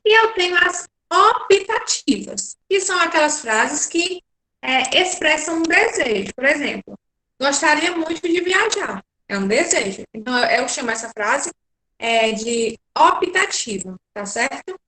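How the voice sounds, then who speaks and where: A woman's voice: sits high, very animated, a little slow, bright, forceful tone. A woman teacher giving an online class over a video call, explaining step by step with frequent check-ins and hesitations. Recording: echoey room.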